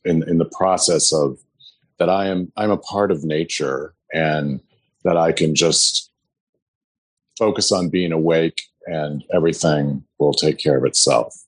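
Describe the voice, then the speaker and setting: A man's voice: rumbling low, fairly even intonation, a little slow, slightly rough, no room sound. A man giving an earnest, hesitant personal testimony to his meditation group. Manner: earnest, hesitant, full of fillers. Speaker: sangha member giving testimony.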